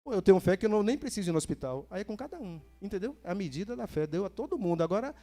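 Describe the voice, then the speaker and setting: A man from Brazil preaching a sermon in a church, lively, repeating phrases for emphasis and asking the congregation questions. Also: sits high, very fast, faint music behind.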